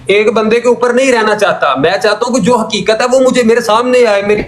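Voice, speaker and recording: A high-pitched man argues hotly on a call-in, working through his complaints point by point and circling back to them. His voice rings in a noticeably echoey room. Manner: argumentative, numbers and repeats his points. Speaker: caller in a religious debate. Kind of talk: heated call-in argument.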